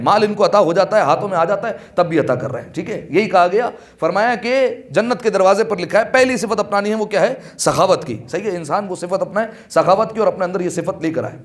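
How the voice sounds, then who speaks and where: A man's voice: sits high, lively intonation, hardly any pauses. A man delivering a sermon with impassioned storytelling, raising his voice for quoted lines and asking the listeners questions. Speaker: preacher. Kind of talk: Urdu majlis sermon. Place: religious hall.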